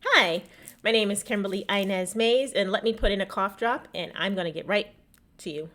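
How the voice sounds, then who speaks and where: Woman, mid-pitched, slightly shaky post-illness voice, casual explainer host, emphatic, opinionated. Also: normal speed, a bit bright. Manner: opinionated, emphatic, repeats points for stress. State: recovering from illness, slightly shaky cough-worn voice. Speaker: host, small business technology educator. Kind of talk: casual explanatory talk to viewers.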